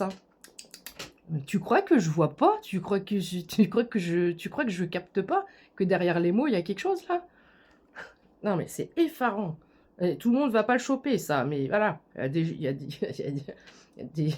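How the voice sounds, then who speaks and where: A woman with a slightly low voice talks straight to her critics in a casual vlog rant. She answers them sarcastically, with plenty of hesitant fillers between her retorts. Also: darkish tone. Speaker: YouTuber answering hater comments. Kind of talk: casual vlog rant, reading comments aloud.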